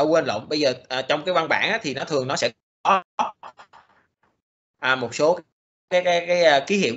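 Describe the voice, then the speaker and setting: Halting male programming lecturer, bright lo-fi voice. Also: fairly high pitch. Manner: halting, many fillers and restarts. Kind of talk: recorded lecture.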